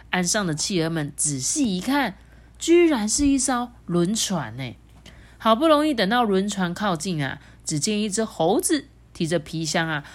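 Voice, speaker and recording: A mother reads a children's storybook aloud in an animated storytelling voice. She lingers on the particles at the ends of her phrases. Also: lowish voice. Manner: animated, drawn-out sentence particles.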